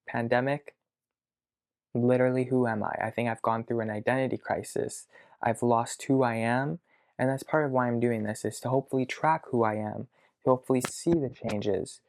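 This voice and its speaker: A video diary made in his childhood bedroom has this twenty-ish man addressing his future self. He's hesitant and thoughtful, stopping to think out loud, and his mid-range voice carries a darkish tone.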